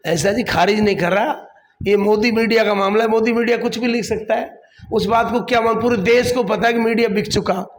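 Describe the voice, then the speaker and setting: A man's voice: high voice, fairly even intonation, fairly quick. A man, a district council chief answering a political interview defensively and repeating his points.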